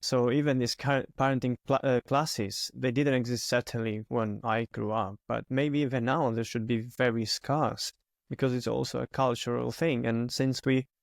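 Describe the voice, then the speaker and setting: A man's voice: medium pitch, steady tone, normal speed, creaky, dry recording, studio quality. A man from Greece, hosting a podcast interview and reflecting thoughtfully. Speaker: podcast host.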